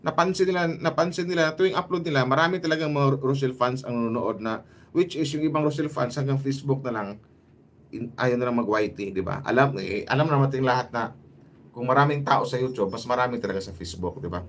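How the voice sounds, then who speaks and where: A man with a Filipino accent hosting a casual livestream, reading out viewer shoutouts by name with quick asides. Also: medium pitch, a little hiss or hum. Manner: lively, greets commenters by name, quick asides. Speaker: livestream host.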